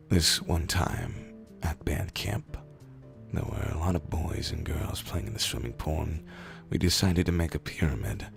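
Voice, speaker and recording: A man with a hoarse voice, raspy and rumbly with gravelly fry from days of screaming, reads internet posts as short stories. He takes his time, keeping it low and dramatic, drawing words out and pausing along the way.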